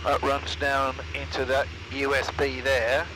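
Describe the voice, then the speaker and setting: A man in a small plane in flight, calmly explaining his camera setup over a headset intercom. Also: mid-range voice, unhurried, background noise. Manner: matter-of-fact, explanatory. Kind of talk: explaining while flying. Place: small aircraft cockpit in flight. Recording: cockpit intercom over engine drone.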